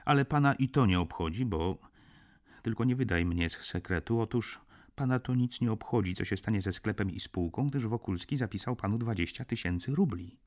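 A man's voice: fairly low pitch, a little fast, darkish tone, close to an everyday voice. An actor reading a sardonic, cynical middle-aged male doctor in an audiobook, blunt and lecturing.

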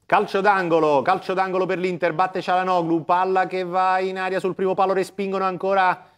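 A man's voice: high-pitched, flat delivery, fairly quick, clean tone. A middle-aged Italian man hosting in a TV studio and giving live commentary on a football match.

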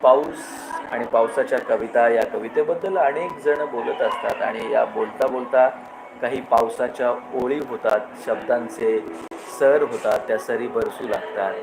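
A man's voice: mid-range voice, a little slow, gravelly. A male host reciting poems on a livestream. He repeats lines with rising emphasis. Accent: Marathi. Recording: noisy livestream recording.

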